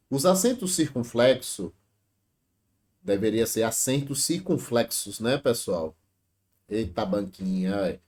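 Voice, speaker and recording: A man with a Brazilian accent teaching a grammar review for exam prep, chatty and lively, peppering his explanation with rhetorical questions to the viewers. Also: mid-range voice. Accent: Brazilian Portuguese.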